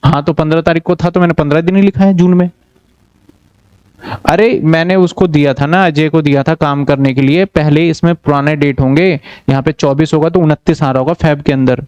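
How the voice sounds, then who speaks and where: Male commerce tutor, slightly high voice, patient step-by-step explainer, dry close sound. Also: steady tone, a little fast, a little mellow, clean tone, no echo, highs cut off. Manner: explains step by step, checks with students often. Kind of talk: online class lecture.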